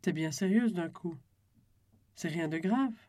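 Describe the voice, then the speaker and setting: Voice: medium pitch, measured pace, a little mellow, dry recording, natural voice. Casual, affectionate woman friend, chatty; reader voicing her, dry close sound.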